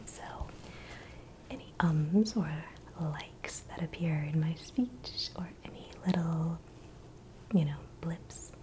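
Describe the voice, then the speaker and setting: A woman giving a gentle, encouraging, unscripted ASMR pep talk in a breathy, unvoiced whisper. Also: lowish voice, poor audio. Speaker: ASMR channel host. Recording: clear background noise, ambient hiss.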